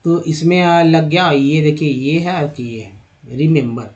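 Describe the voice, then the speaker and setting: A man's voice: on the high side, darkish tone. Hindi-speaking man teaching, dull lo-fi sound. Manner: asks rhetorical questions and answers them, repeats sounds slowly. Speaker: English teacher. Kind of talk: spoken lesson explaining English spelling and pronunciation. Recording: dull lo-fi recording.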